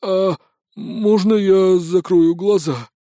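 A man's voice: high voice, slow, dry recording, studio quality, pitched above the performer's own voice. A man voicing a chubby, timid boy wizard-fairy who trembles and stammers in fear. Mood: frightened.

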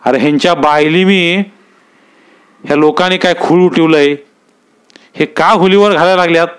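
Gruff, bossy village elder, put on by a male storyteller, raised and forceful. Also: high voice, steady tone, unhurried, voice pushed up. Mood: gruff, scolding. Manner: scolding rustic village speech.

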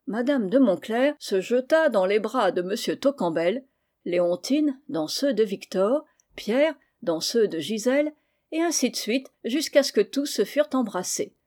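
A woman narrating a classic novel as an audiobook, with measured, clear phrasing. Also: medium pitch, lively intonation, a little mellow. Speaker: audiobook reader.

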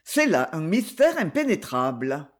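A man voicing a puzzled nobleman, a baron, pondering quietly to himself. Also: a little high, wildly swooping pitch, unhurried. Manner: pondering, inward.

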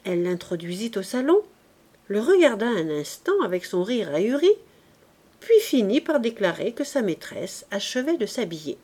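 Lady reading a novel out loud, soft dark voice, calm steady pace. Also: medium pitch, normal speed. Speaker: audiobook reader. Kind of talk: literary audiobook narration.

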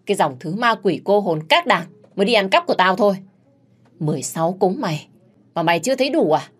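Woman voicing a shrill young servant girl, spiteful, accusing, lively swoops in a spoken storytelling. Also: fast talker, breathy edge.

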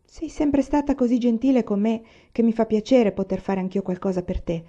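A woman's voice: fairly high pitch, steady tone, normal speed, dark tone, lo-fi sound, voice pushed up, lightly acted. Nervous teen girl, read by a woman. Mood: earnest. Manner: fearful, shaky-voiced. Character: anxious teenage girl, fellow student.

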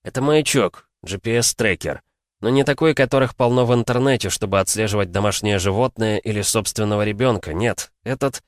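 A man's voice: lowish voice, a little fast, no echo, studio quality, lightly acted. A man reading an audiobook, voicing a sly, pressing middle-aged investigator. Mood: explaining. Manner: persuasive, pressing. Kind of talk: audiobook character voice.

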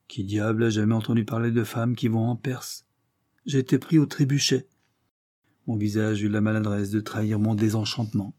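A man narrating a classic novel as an audiobook with steady storytelling. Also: on the low side, normal speed, no room sound, clean studio sound.

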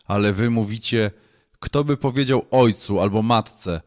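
A man with a fairly low voice reads scripture aloud. His delivery is measured and solemn, every verse paced as a formal reading. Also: darkish tone. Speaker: scripture reader.

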